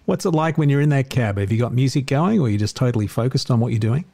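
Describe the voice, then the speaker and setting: A man's voice: medium pitch, lively intonation, fast talker, gravelly, warm tone. An Australian man hosting a casual radio interview.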